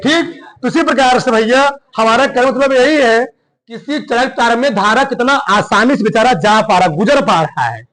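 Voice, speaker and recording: A man's voice: extremely high pitch, moderate pace, fairly bright tone, poor audio. A male chemistry teacher gives a classroom lecture. He keeps putting questions to his students and repeating the key words.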